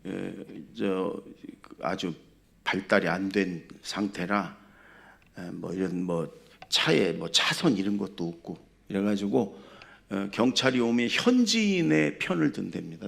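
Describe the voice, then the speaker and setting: A male pastor preaching a sermon, swinging between loud exhortation and quiet storytelling. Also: low voice, animated, measured pace, creaky. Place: church sanctuary.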